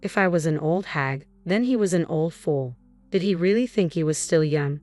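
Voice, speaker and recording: A middle-aged woman reading a first-person story in a calm, measured, cool tone. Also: low voice, no room sound. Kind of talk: scripted first-person narration.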